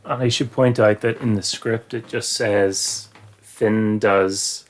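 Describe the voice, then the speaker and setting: A man's voice: fairly low pitch, fairly even intonation, takes it slowly. A man chatting casually in an interview.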